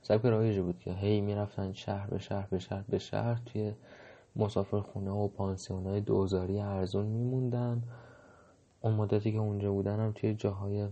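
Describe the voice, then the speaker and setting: A man's voice: lowish voice, flat delivery, warm tone, lo-fi sound. A man giving a casual, reflective monologue, hesitant and full of fillers. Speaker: monologue host.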